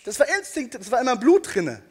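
Ein junger Mann predigt energisch auf einer Bühne vor Publikum und stellt dem Publikum eindringlich rhetorische Fragen. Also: male voice, extremely high pitch, big pitch swings, quick pace, darkish tone, husky. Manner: emphatic, rhetorical questions to the audience. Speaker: preacher. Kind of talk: energetic youth sermon. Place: stage before a live audience.

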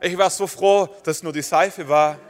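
A man's voice: a little high, fairly even intonation, a little slow. A man preaching a sermon to his congregation, emphatic and building in short repeated phrases. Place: church hall. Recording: long church-hall reverb, faint music.

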